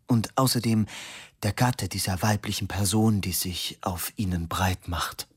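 Ein Mann, der in einer Hörbuchlesung einen verschlafenen, höflich vorwurfsvollen Rechtsanwalt spricht. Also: male voice, low-pitched, fairly even intonation, a little slow, husky, full character voice. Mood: weary polite. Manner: yawning, courteous, reproachful. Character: sleepy, polite, reproachful male lawyer.

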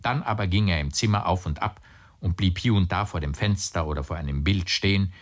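A man narrating a literary audiobook in a measured, storytelling manner. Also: deep voice.

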